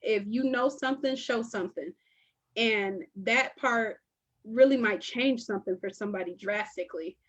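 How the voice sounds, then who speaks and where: A woman hosting a casual talk show, relaxed and conversational, sometimes drawling her words slowly. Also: medium pitch. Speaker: host. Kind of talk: casual chat.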